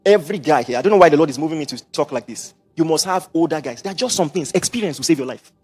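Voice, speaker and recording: A middle-aged Nigerian man preaching a sermon, mixing in Pidgin asides and quick repetitions. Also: fairly high pitch, animated, darkish tone. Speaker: pastor.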